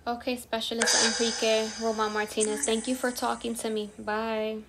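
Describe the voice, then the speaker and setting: A woman hosting a spirit box session, solemnly putting questions to a spirit in a deliberate, repetitive way. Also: fairly high pitch, flat delivery. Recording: loud noise and clicks. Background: loud noise with clicks.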